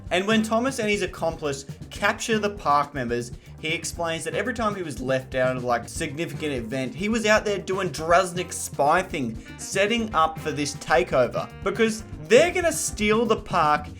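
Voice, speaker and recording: A man's voice: a little high, sing-song, normal speed, few pauses, a bit bright, soft background music. A young man recapping a cartoon series as a comedic YouTube host, jokey with sarcastic asides.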